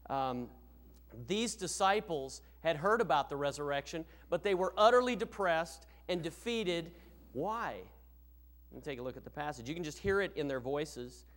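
Man, pastor, sermon, emphatic, rhetorical questions, fairly high voice. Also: expressive, normal speed, a bit bright. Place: church.

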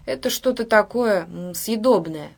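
A woman's voice: mid-range voice, unhurried, vocal fry, a little mellow. A woman voicing a small, scrawny teenage boy who talks eagerly and a little naively.

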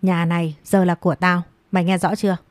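A woman's voice: on the low side, little pitch movement, fairly quick, a little mellow, no room sound, close to an everyday voice. A woman voicing a cruel, scornful middle-aged stepmother who scolds harshly and taunts with contempt. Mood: scornful scolding.

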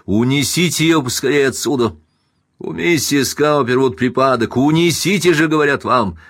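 A man reading an audiobook and voicing a powerful, angry man who barks orders in a hoarse voice. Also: lowish voice, expressive, moderate pace, a bit bright, dry recording, studio quality. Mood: commanding anger. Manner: barking orders. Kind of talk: audiobook character voice.

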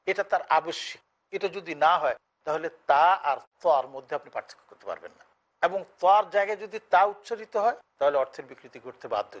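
A man teaching Quran recitation in a lecture, explaining each point step by step, asking and answering his own questions and sounding out Arabic letters slowly. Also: high-pitched. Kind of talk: lecture on tajweed.

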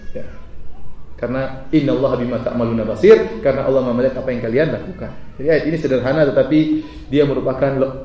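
Fast-talking preacher in an echoey hall. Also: male voice, fairly high pitch. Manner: lively, humorous, asks the audience questions. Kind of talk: sermon. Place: lecture hall with audience. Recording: echoey hall, mic at a distance.

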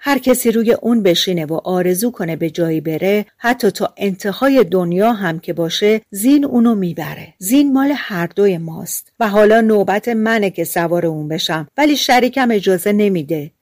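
A woman's voice: medium pitch, expressive, few pauses, darkish tone, no echo, studio quality, lightly acted. A woman voicing a quarrelsome grown man in a fairy tale, explaining earnestly and with a grievance. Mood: aggrieved. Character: quarrelsome grown man guarding a magic saddle.

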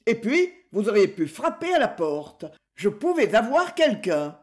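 A brusque young woman snaps back in rude slang, as the narrator puts her on. The delivery is slow, with a lively rise and fall in pitch. She belongs to an audiobook crime story. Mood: scornful.

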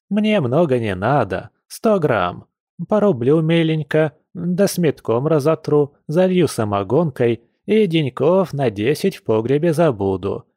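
A male narrator lifts his voice into a grumbling old village granny who wheedles and drags out her words, pitched higher than his own plain reading. Close and dry, with no room around it. Storybook character reading. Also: a little mellow, dry recording. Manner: folksy, wheedling, drawn-out speech. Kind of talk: audiobook character voice.

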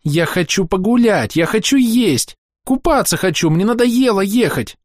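A spoiled little girl in full tantrum, as a male narrator puts her on. She whines in a strained, squeaky pitch and drags her words out. It is a dry, close audiobook read. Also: animated, normal speed, no echo, soft background music. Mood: whining. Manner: wailing, whiny.

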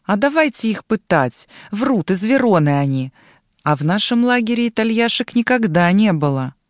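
A woman's voice: mid-range voice, sing-song, normal speed, dry recording, studio quality, lightly acted. A woman voicing a brash, bossy girl turned into a dragon, mocking and domineering.

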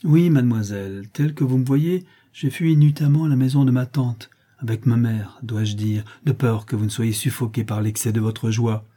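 A man's voice: medium pitch, moderate pace, hardly any pauses, mellow, close to an everyday voice. A man reading aloud and voicing a proud young aristocratic girl who speaks in a mocking, theatrical tone.

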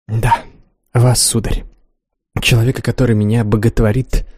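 A haughty young woman speaks with icy calm, commanding and mocking in turn, as a male audiobook reader puts her on. The voice is mellow and soft-edged rather than bright. It sits dry and close, with no room around it. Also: mid-range voice, moderate pace, breathy edge, dry recording, lightly acted. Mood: scornful. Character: cold, scornful, domineering young woman. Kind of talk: audiobook character reading.

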